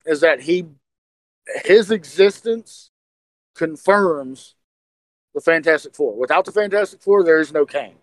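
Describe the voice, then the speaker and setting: A man co-hosting a casual podcast, talking excitedly and speculating, often stumbling and repeating words. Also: fairly high pitch, a little slow, pauses often, no echo, low-quality recording. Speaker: podcast co-host.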